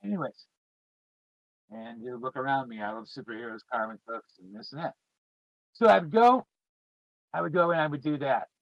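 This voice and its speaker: A middle-aged podcast host and streamer reminisces casually to viewers in a rambling, informal and emphatic way. His mid-range voice has lively intonation and a normal pace with frequent pauses; the sound is lo-fi with no room sound.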